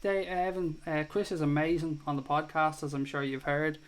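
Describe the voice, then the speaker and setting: Reading viewer comments on his relaxed live football stream, this Irishman in his 30s talks at a moderate pace in a higher-than-average voice with little pitch movement. He's chatty, drops the odd casual swear, and thanks his viewers warmly.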